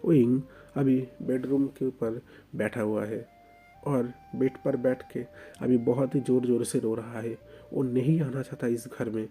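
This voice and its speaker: A man narrating a romance story dramatically, emphatic and emotive with pauses. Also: medium pitch, mellow.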